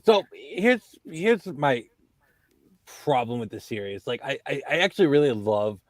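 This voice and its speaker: A man's voice: mid-range voice, sing-song, unhurried, no room sound. A man co-hosting a comics podcast, enthusiastic and casually profane. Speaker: podcast co-host. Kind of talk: casual chat about comics.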